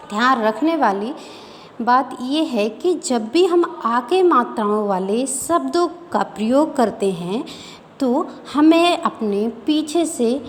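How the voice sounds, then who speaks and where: A woman teaching a reading lesson to young children, sounding out syllables slowly and repeating each word. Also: sits high, a bit bright. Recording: faint background noise, long reverb.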